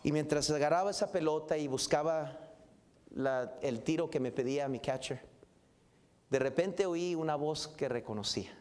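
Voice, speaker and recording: A man, a pastor telling a story in a sermon in an animated, dramatic way with exclamations. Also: a little high, normal speed. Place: church sanctuary.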